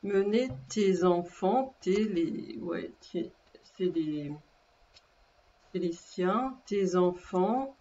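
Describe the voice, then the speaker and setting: A woman teacher giving a dictation lesson, speaking slowly and carefully, repeating and spelling words aloud. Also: lowish voice, lively intonation, dark tone, lo-fi sound.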